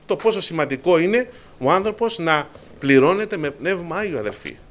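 Impassioned male preacher, slightly high voice. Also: big pitch swings. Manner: impassioned preaching, repeatedly addressing "brothers", swelling louder at high points. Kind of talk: sermon.

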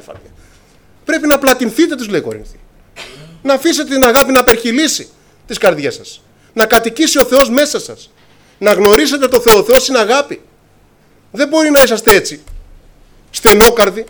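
A man's voice: extremely high pitch, fairly bright tone. A man preaching a sermon to his congregation, impassioned, often calling them brothers and acting out scripture dialogue.

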